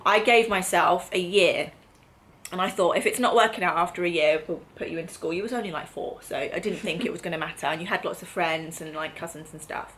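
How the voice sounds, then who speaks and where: A woman's voice: lowish voice, brisk, a bit bright, slight background noise. A middle-aged woman with an English accent chatting casually as she hosts a family vlog, explaining things and checking in with tag questions. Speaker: mother hosting a family vlog. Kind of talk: casual chat.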